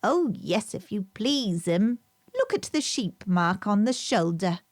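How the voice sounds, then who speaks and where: A woman plays a little hedgehog washerwoman in a children's storybook. She is obliging and fussy, chattering deferentially in old-fashioned country phrases with animated swings of pitch. The sound is close and dry. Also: slow, no room sound. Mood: busy, obliging. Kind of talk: storybook character reading.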